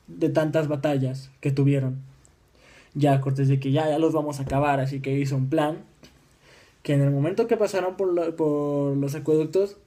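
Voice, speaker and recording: A young man from Mexico giving an informal history talk, halting with many restarts and fillers. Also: fairly high pitch, mellow. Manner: acts out voices in dialogue.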